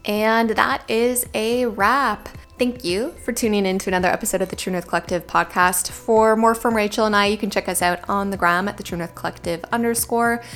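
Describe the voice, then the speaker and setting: Woman with a creaky, vocal-fry voice. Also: medium pitch, steady tone, fairly quick, few pauses, fairly bright tone, soft background music. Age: late 20s. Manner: reflective, chatty, many "like" fillers. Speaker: podcast co-host. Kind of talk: casual podcast chat.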